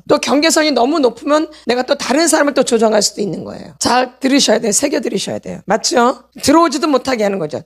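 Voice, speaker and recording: A woman pastor preaching a sermon, repeating her points and asking the audience for assent again and again. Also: sits high. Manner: repetitive, emphatic preaching.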